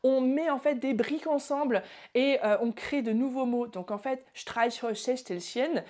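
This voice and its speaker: Lively woman teaching pronunciation. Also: sits high, a little slow. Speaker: German language teacher. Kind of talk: video lesson.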